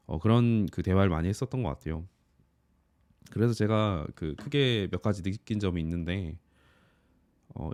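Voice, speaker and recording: A thirty-year-old man, an office worker and YouTuber, reflecting on his year in an earnest, calm personal monologue. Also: deep voice, clear, resonant tone, dry recording, studio quality.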